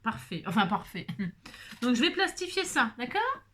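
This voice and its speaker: A woman's voice: a little high, very animated, normal speed, fairly bright tone, a little hiss or hum. A woman talking casually while making a card, chatty and self-mocking with frequent exclamations. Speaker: crafting vlogger. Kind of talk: chatty crafting tutorial.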